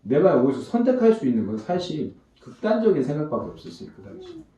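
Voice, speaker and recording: A comedian giving an emotional testimony in church, telling his story in an animated way and acting out the voices of the people in it. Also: fairly high pitch, fast, recorded from a distance. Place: church hall before a congregation. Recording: echoey church hall, mic from afar.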